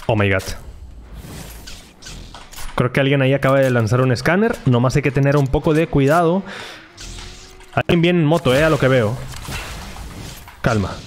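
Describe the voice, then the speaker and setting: A man with a Mexican accent giving excitable live gameplay commentary to his chat, repeating words in bursts. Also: medium pitch, moderate pace, long pauses. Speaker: gaming streamer.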